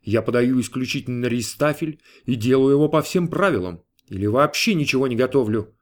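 A man's voice: medium pitch, lively intonation, a little fast, natural voice. A man voicing a stern, proud restaurant owner who answers curtly and sarcastically. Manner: curt, sarcastic.

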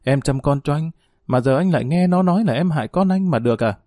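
A man's voice: mid-range voice, expressive, fairly quick, warm tone, slightly rough, dry recording, studio quality. A man voicing a scheming young stepmother who pleads and defends herself in a spoken family drama. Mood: defensive, pleading.

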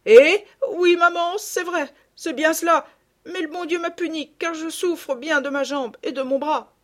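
A tearful, remorseful peasant girl, played by a woman reader, high and contrite. She pitches well above the reader's own voice and pleads. It is a storybook audiobook character. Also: a little slow.

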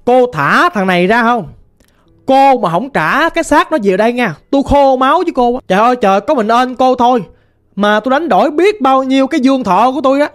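A woman voicing a stern older male folk exorcist who scolds quickly in a Southern Vietnamese accent. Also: high voice, lively intonation. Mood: scolding.

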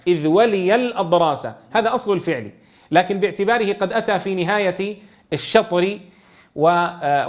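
A man teaching Quran recitation, reading a classical text slowly and explaining it with questions to his students. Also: sits high. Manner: reads quoted verses slowly, then explains in dialect with rhetorical questions.

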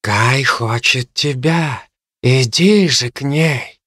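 A man's voice: high voice, lively intonation, takes it slowly, bright, forceful tone, no echo, studio quality, pitched above the performer's own voice, exaggerated voice. A man reading an audiobook voices a ravenous female harpy who shrieks her demands. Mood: whispering lure.

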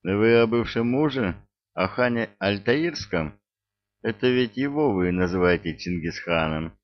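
A man reading the part of a composed mature detective who speaks calmly and firmly. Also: lowish voice, unhurried, lo-fi sound. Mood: firm reassuring. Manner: calm, firm, reassuring.

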